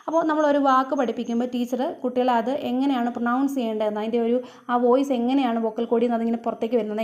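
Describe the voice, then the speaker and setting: Woman tutor, fast exam-prep lecture, slightly high voice, explains point by point. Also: a little mellow. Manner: explains step by step, mixing English terms into Malayalam. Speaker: teacher.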